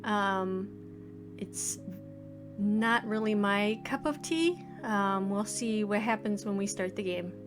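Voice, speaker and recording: Slow and medium in pitch, a woman in her forties reacts casually to a game she's just started, hesitating and letting sentences drift off. She's an indie game developer hosting a let's play, and game music runs underneath.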